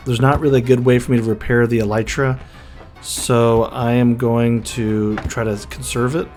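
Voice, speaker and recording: A man casually narrating and commenting on his own gameplay, often dropping to a hushed, whispery voice while sneaking. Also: medium pitch, level tone, moderate pace. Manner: chatty, drops to a hushed whisper when sneaking. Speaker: gaming YouTuber. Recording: faint music underneath.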